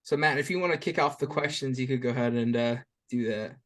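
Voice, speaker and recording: A man's voice: mid-range voice, fast talker. A man hosting a casual sports podcast, asking rambling questions full of "you know"s. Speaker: podcast host.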